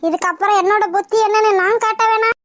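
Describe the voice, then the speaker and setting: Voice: extremely high pitch, fairly even intonation, fast talker, fairly bright tone, no echo, clean studio sound. A fierce cartoon mother-in-law. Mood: angry. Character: fierce protective middle-aged mother-in-law. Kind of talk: cartoon voice acting.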